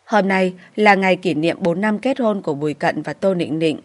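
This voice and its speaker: Low-voiced woman narrating a romance. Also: moderate pace. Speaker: audiobook narrator.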